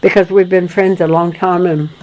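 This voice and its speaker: An older woman from Florida in the United States telling her family history in a casual, rambling way, with many restarts and soft chuckles. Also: lowish voice, flat delivery, moderate pace, poor audio. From Florida, USA. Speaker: documentary photographer recalling family history. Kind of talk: casual spoken memoir to a friend.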